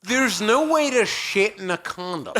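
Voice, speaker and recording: A man's voice: sits high, lively intonation, unhurried, a bit bright. A man in casual group banter as a podcast co-host, blunt, exasperated and swearing freely.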